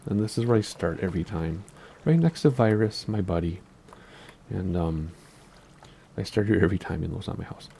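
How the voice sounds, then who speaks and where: A deep-voiced man with a Minnesota accent chats through casual gameplay commentary, wandering from thought to thought and asking himself questions out loud. His tone is gravelly and mellow. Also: a little fast, long pauses, a little hiss or hum. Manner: rambling, asks himself questions aloud. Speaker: Minecraft YouTuber giving a base tour.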